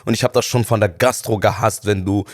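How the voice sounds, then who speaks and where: A man's voice: lowish voice, brisk, no echo. A man in his thirties, a studio guest, telling his story casually with slang and acting out the people he quotes. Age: 30s. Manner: slangy, animated, acts out quoted dialogue.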